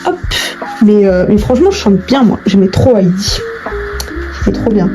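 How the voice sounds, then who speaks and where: Expressive and medium-pitched, this online video creator talks at a moderate pace over music. She's a young adult woman casually chatting in informal slang while she crafts, thinking out loud.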